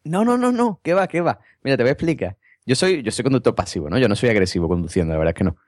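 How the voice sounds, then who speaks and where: A man's voice: medium pitch, racing, no room sound. Man, podcast co-host, joking banter, dry close sound. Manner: animated, jokey, teasing. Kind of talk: casual chat.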